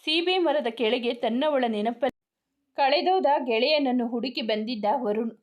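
A woman telling a romance story in steady scripted narration. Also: high voice, a little slow.

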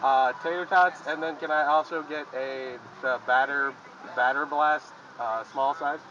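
A man's voice: a little high, steady tone, a little slow, highs cut off, background noise. A young man in a car ordering food at a drive-through, asking hesitantly and politely item by item, recorded on a phone. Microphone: phone camera inside the car.

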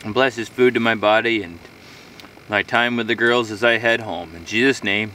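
A man's voice: on the low side, steady tone, moderate pace, pushed and bright, recorded from a distance, slight background noise. A middle-aged man in a casual solo outdoor vlog, rambling easily to himself while he eats, recorded outdoors by a camera a few metres off. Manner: rambling, easygoing, talking to himself while eating. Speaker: outdoor vlogger. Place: outdoors on a frozen lakeshore in winter. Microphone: camera on a tripod a few metres away.

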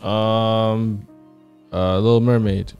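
A man's voice: on the low side, flat delivery, slow, clean tone, lo-fi sound. A man co-hosting a casual livestream, laid-back and dry in his remarks. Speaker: livestream co-host. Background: faint background music.

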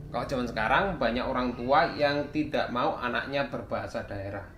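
A young man hosts a casual chat with an East Javanese accent. His pitch is average. The room echoes and there is faint noise in the background. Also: brisk, fairly bright tone. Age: young adult. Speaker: host, interviewing parents. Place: small home room indoors, camera mic.

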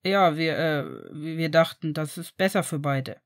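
A woman doing a halting Frenchman. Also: sits low, pitched below the performer's own voice, close to an everyday voice. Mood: kind, halting. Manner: halting, searching for words. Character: hesitant Frenchman, warm fiancé.

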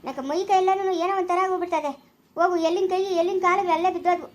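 A distraught young village wife in a family skit. She laments and wails in a very high, thin voice and rattles off her complaints quickly. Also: fairly even intonation. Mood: fretful. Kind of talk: rural family skit acting.

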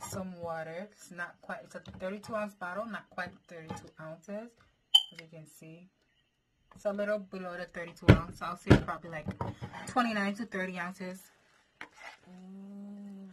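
A young woman chatting casually to her viewers in a food-challenge vlog, calling them y'all. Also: lowish voice. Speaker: vlogger. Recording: noisy home recording.

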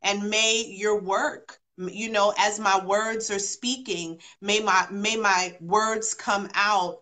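Her medium-pitched voice is bright and forceful, steady in tone and slow. A London-born woman partly raised in Jamaica and New York, she appears on a talk show via video call, chatting casually and earnestly while repeating phrases for emphasis.

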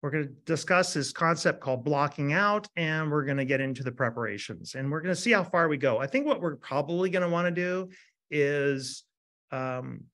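A man in his fifties, a dentist lecturing in an energetic webinar and often asking the audience a rhetorical "right?". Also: fairly high pitch, fairly quick.

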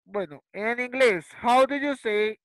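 A man's voice: very high-pitched, takes it slowly, no room sound, rough recording. A man teaching a first-grade English class over a video call, switching between Spanish and English, repeating words patiently and checking in with short tag questions. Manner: patient, repeats words, ends lines with ¿cierto? and ¿listo?. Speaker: primary school English teacher.

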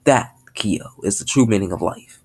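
A man's voice: on the low side, expressive, normal speed, a little mellow, breathy edge. A man voicing an eccentric, cheerful circus clown with a grand showman's delivery, in a storybook reading. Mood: grandly wise.

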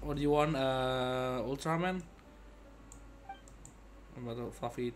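Slightly slow and medium in pitch, this young game streamer's voice comes with a bit of hiss or hum. Indoors with game music playing behind him, he rambles casually through gameplay commentary, often saying the same words twice.

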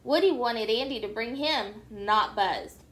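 A woman reads a children's storybook aloud with expressive, animated delivery. Her voice is high, and the room around her echoes. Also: measured pace. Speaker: storybook reader. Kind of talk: reading a children's book aloud.

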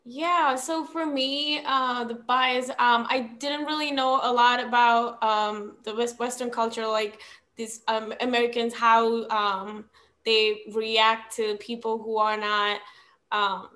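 A woman's voice: on the high side, steady tone, slow, sharp tone. A young woman from Sri Lanka, a podcast guest talking over a video call, earnest and reflective with frequent ums. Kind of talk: casual conversational storytelling. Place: small room at home.

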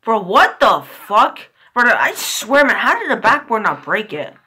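A woman hosting a casual reaction video, excitable and slangy with plenty of swearing. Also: on the high side, measured pace, breathy edge. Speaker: reaction channel host.

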